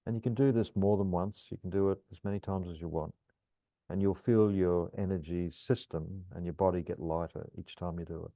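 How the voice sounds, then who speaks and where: A man guiding a calm grounding meditation, speaking gently and soothingly as a teacher. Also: low voice, brisk. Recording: roomy, slightly dull lo-fi sound.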